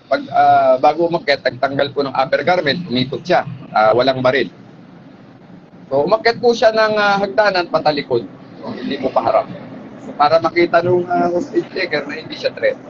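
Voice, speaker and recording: A man with a somewhat high voice tells a story in a polite, conversational manner, often turning to his listeners with quick tag questions. The recording is dull and lo-fi, with a faint hum of background noise. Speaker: speaker retelling a police hostage story.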